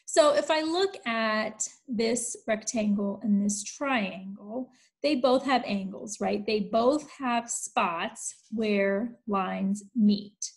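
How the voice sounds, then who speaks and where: A woman's voice: medium pitch, takes it slowly. A woman teacher giving a recorded distance-learning math lesson, explaining step by step and checking in with "right?" as she goes.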